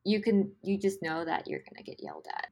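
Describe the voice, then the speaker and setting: A woman in casual chat, relaxed and wry as she recalls things. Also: medium pitch, brisk, vocal fry.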